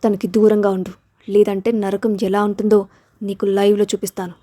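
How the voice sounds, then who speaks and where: A woman's voice: medium pitch, little pitch movement, normal speed, dark tone, no echo, lightly acted. A woman reading the lines of an intense, possessive young man in love in an audio story. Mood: menacing. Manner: fierce, then tender.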